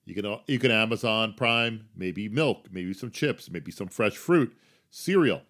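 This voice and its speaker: A middle-aged man with a New Jersey accent hosting a casual solo podcast, chatty and self-deprecating, swinging between loud emphasis and quiet asides. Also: lowish voice, lively intonation, a little slow. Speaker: podcast host.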